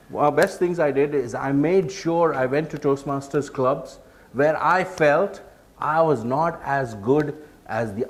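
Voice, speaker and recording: Joking man leading a speaking workshop. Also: a little high. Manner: lively, joking, addresses audience directly. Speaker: public speaking workshop presenter. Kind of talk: live workshop talk.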